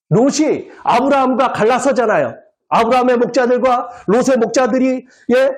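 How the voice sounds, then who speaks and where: A male pastor mid-sermon in a church service, his pitch swinging widely as he teases the pews with little jokes. He keeps firing questions at the listeners and nudging them for answers with a quick "eh?". His delivery sounds lively and conversational rather than solemn. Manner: quizzes the congregation with constant "eh?" prompts; jokey, playful wordplay.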